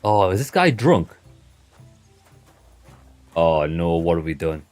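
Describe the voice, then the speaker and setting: A man commentating casually on a live game stream. His voice sits a little low, with dry, wry asides over faint game music. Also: sing-song, slow, darkish tone.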